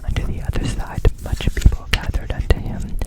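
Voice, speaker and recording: Brief: ASMR scripture reader, breathy whisper doubled with a layered second whisper, repeats lines back softly. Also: fairly quick. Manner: soft unvoiced whisper, echoing phrases back in repeats. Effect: whisper doubled by a layered whisper track.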